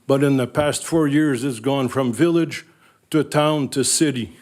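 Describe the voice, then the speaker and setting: During public comment before the town council, an older Northern Ontario man with a French Canadian accent speaks plainly and earnestly. French is his native tongue; his mid-range voice is unhurried and slightly mellow.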